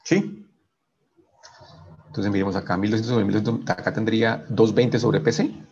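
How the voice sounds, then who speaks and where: A man's voice: on the low side, steady tone, moderate pace, a little mellow, breathy edge, highs cut off. A man teaching an engineering class online, working through equations step by step and checking in with "right?" after each step, often restarting his sentences. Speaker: engineering professor.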